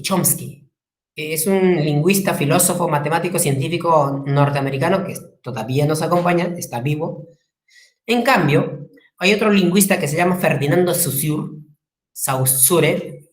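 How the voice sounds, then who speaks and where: A man's voice: a little high, roomy sound. A male language teacher giving a classroom lecture, repeating key terms, spelling words out and asking the class rhetorical questions.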